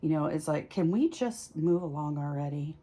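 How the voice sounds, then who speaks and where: A woman hosts a casual explanatory video, chatting to camera as she does a tarot reading and thinking aloud in a conversational, lightly self-mocking way. Her voice is deep and dark in tone, with lively intonation and a moderate pace.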